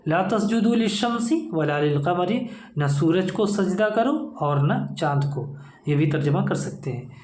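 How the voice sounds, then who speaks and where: A man's voice: high voice, lively intonation, a little slow, a little mellow. A man teaching an Arabic grammar lesson, reading each phrase aloud, then translating it word by word and naming the verb forms. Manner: repeats phrases and names each verb form. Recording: echoey room.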